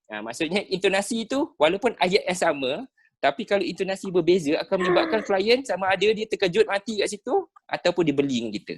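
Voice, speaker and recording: A Malaysian man with a Malay accent teaching sales skills in an online class over a video call, animated and dropping "ha" between phrases. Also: high voice, fast. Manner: animated, peppered with "ha" and rhetorical checks. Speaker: sales trainer.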